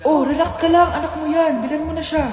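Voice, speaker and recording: A calm, soothing inner voice, put on by a woman, urging someone to keep their temper. It rings out high and echoey, as if in a big hall, with loud music underneath. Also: a little fast, natural voice. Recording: echoey reverberant voice over music.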